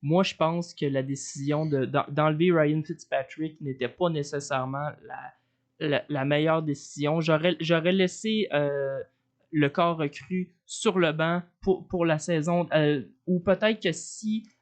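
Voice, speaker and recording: A man with a Quebec French accent, co-hosting a sports podcast in casual chat, opinionated but halting with fillers. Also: fairly high pitch, steady tone.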